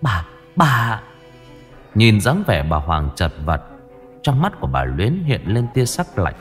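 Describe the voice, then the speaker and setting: A man narrating a dramatic audio story in an expressive, dramatic way. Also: on the low side, unhurried, soft background music.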